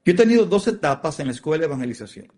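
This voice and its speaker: Earnest Dominican priest, slightly high voice. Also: male voice, big pitch swings, very fast, darkish tone. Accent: Dominican Spanish. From Dominican Republic. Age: middle-aged. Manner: earnest, emotional storytelling with repetitions. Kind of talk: interview testimony.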